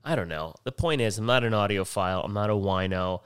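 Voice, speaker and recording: A man's voice: lowish voice, brisk, clean tone, dry recording, studio quality. A man hosting a casual solo podcast, rambling and swearing freely, wearing headphones at a podcast mic. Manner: profane, rambling, self-mocking. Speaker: podcast host.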